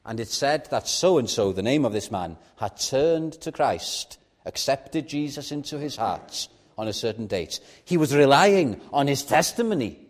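A Welshman, Welsh being his native language, preaches a sermon at a measured pace and poses rhetorical questions to his congregation. His voice is mid-range and very animated.

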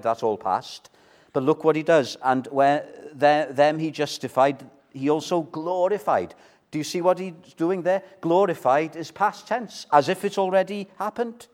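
A man preaching an evening sermon at a pulpit microphone. He is earnest, swelling to loud emphasis and then dropping low.

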